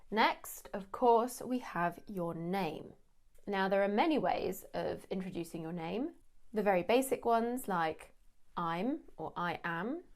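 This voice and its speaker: A young woman, giving a measured, clearly explained lesson. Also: medium pitch, a little mellow. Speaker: English teacher. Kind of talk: scripted English lesson.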